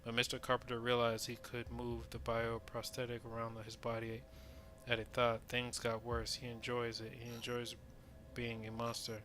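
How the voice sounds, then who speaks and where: An actor playing a weary, frank medical researcher in a video game, recording a log in a measured, clinical way with blunt exasperation. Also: male voice, medium pitch, monotone, pushed and bright, slight background noise, lightly acted. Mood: uneasy exasperation. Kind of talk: dramatic scripted log monologue.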